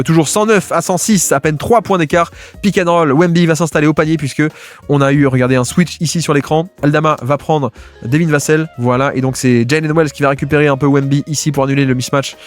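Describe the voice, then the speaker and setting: Guy breaking down game film super fast, lots of uh and restarts, faint music under it. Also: on the high side. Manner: fast, filler-heavy, restarts a lot. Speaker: basketball video analyst.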